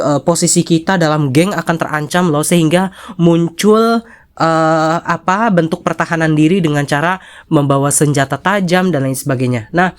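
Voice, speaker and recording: A YouTube commentary host speaks to viewers with a Jakarta Indonesian accent, sounding stuffed-up and nasal from a cold. The pitch sits midway between a typical man's and woman's. The talk is casual, chatty and sassy, peppered with dramatic asides.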